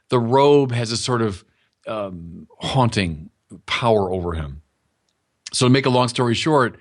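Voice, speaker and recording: A man preaching a sermon in a conversational, emphatic way, repeating his key points. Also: mid-range voice.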